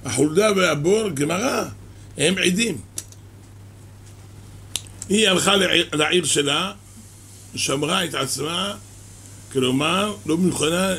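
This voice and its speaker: A man giving a weekly Torah portion lesson, telling a Talmudic tale in a slow, measured storyteller's way. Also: fairly high pitch, fairly bright tone, a little hiss or hum. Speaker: Torah teacher.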